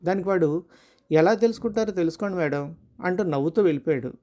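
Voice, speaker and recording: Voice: medium pitch, quick pace, warm tone, muffled recording, natural voice. A storyteller voicing a middle-class working wife and mother who is irritable and sarcastic, read in a storybook style. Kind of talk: storytelling dialogue.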